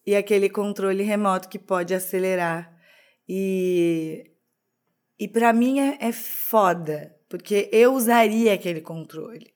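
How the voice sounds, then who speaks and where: A woman co-hosts a podcast in relaxed, casual chat. She speaks candidly and pokes fun at herself. Her sentences often break off and restart. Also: mid-range voice, a little slow. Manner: chatty, candid, self-deprecating, many restarts. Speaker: podcast co-host.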